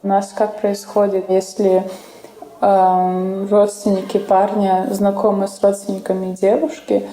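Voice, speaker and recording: A woman, telling her story in an interview, flat and hesitant. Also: medium pitch, measured pace. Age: 20s. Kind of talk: testimony interview. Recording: echoey room.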